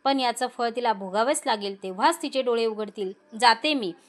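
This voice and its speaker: A woman's voice: a little high, normal speed, lightly acted. Woman voicing an old, coughing beggar woman. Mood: indignant. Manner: coughs between words, scolding. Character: old beggar woman, a goddess in disguise, wrathful.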